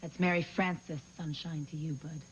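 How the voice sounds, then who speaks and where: An actress playing a sharp-tongued young bride held captive in a 1990 TV soap, indignant and sarcastic, on dull lo-fi TV audio with faint hiss. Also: female voice, low voice, steady tone, normal speed, close to an everyday voice.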